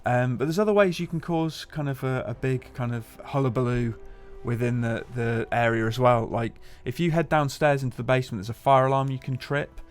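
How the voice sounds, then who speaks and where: A man, co-hosting a casual chat over gameplay footage, relaxed and chatty with casual swearing. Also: medium pitch, fairly quick, hardly any pauses, clean tone. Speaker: games journalist, co-host.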